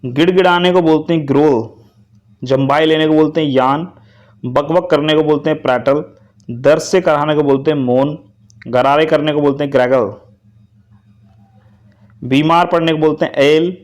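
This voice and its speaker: During a vocabulary lesson, a man with a fairly high voice teaches English words, addressing students directly and having them repeat each answer. He speaks at a moderate pace, leaving long pauses.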